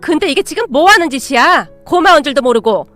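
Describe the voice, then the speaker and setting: A woman voicing a self-righteous middle-aged mother who talks in a sharp, accusing way in a storybook reading. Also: sits high, expressive, brisk, faint music behind. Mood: scolding.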